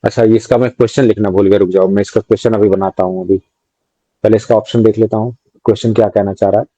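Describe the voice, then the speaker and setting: A man's voice: fairly low pitch, steady tone, fast talker, dark tone, no room sound, dull audio. A man with an Indian accent teaching an online exam-prep class, quizzing students, reading out their answers and mixing English terms into his talk. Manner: reads out student names and answers, scolds jokingly. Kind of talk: live online quiz class.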